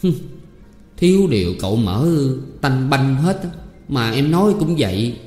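A man's voice: medium pitch, big pitch swings, measured pace, warm tone, pitched above the performer's own voice. Brief: male reader doing an anxious young boatman, Southern Vietnamese accent, plaintive, storybook, echoey hall with faint music. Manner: sighing, plaintive.

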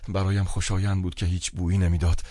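A man narrating a novel in the first person, measured and expressive. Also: sits low, dry recording, studio quality. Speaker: audiobook narrator.

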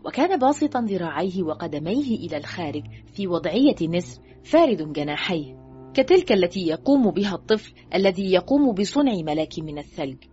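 A woman narrating a thriller audiobook in an expressive, scripted reading style, letting her voice drop low and quiet at the ends of sentences. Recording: dull lo-fi recording with faint music.

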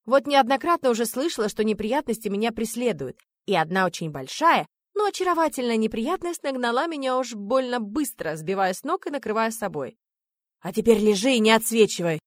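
A woman narrating a first-person story aloud, lively and playfully ironic. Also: a little high, brisk, few pauses, no room sound, studio quality. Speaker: audiobook narrator.

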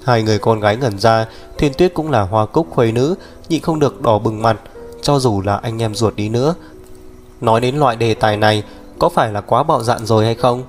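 A man narrating an audiobook in a mid-range voice. He reads steadily and evenly. Soft music plays faintly under his voice. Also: medium pitch, brisk. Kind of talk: scripted narration.

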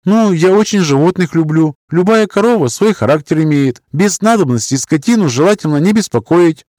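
A man voicing an earnest, gentle young village milkmaid who talks softly about her cows. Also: fairly high pitch, expressive, moderate pace, dry recording, clean studio sound, pitched above the performer's own voice, close to an everyday voice.

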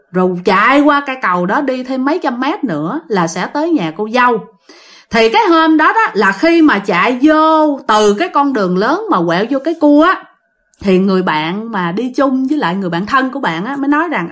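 A woman casually telling a ghost story, animated and speaking directly to her listeners. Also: on the high side.

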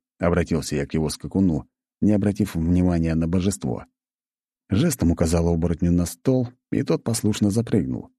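Deep, dark-voiced male narrator. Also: breathy edge, no echo, studio quality. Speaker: audiobook narrator. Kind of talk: first-person audiobook narration.

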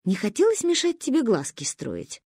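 A woman's voice: fairly high pitch, huge pitch swings, normal speed, mellow, breathy edge, dry recording, clean studio sound, voice pushed up, exaggerated voice. A woman reading the part of a sarcastic, imperious old grandmother in a storybook reading. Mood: tart. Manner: caustic, cutting.

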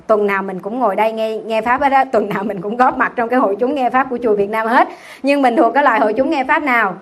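Lively nun quizzing her class. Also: fairly high pitch. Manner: quizzes listeners, answers own questions; teasing, lively. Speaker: Buddhist nun teaching a sutra class. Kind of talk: dharma talk with questions to the class.

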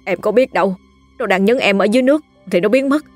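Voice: mid-range voice, fast, no echo, faint music behind, lightly acted. A storyteller voicing a young fisherman who stammers in panic after a ghost attack. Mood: terrified.

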